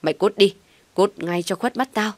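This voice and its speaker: A woman voicing a furious elderly father who shouts harsh insults at his son in a storybook reading. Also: medium pitch, moderate pace, dry recording, natural voice. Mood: angry scolding.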